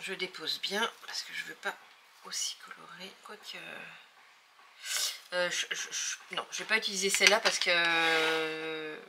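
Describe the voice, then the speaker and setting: A woman's voice: on the low side, fairly even intonation, a little slow, noisy background. A woman hosting a casual craft tutorial, talking hesitantly with many fillers as she thinks aloud while working.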